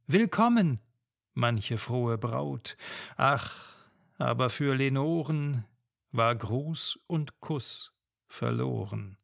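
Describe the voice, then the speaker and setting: A man narrating a classic ballad in a measured, solemn recitation. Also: mid-range voice, vocal fry, no room sound, studio quality.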